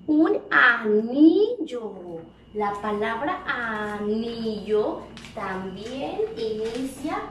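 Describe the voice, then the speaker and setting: A woman teaching preschoolers, stretching out each word and asking sing-song questions. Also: high voice. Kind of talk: slow, exaggerated teaching to small children. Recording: echoey room, voice from a distance, faint background noise.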